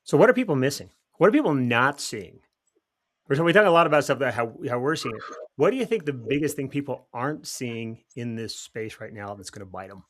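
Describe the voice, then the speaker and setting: A man hosting a podcast, asking questions in a lively, joking way. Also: medium pitch, a little fast. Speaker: podcast host. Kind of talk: casual podcast conversation.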